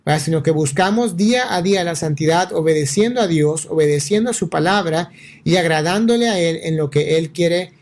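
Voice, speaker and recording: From a radio studio, a pastor with a fairly high, brisk voice teaches the Bible earnestly and steadily. He often checks in with "right?" and restarts words; he is a non-native Spanish speaker.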